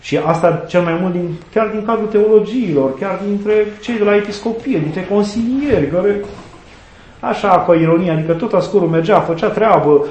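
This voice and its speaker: A man's voice: high-pitched, darkish tone. A middle-aged man, an Orthodox priest, telling earnest stories in a conversational interview and quoting sayings and saints. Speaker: Orthodox priest and student chaplain. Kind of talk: conversational interview, reflective storytelling. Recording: echoey room.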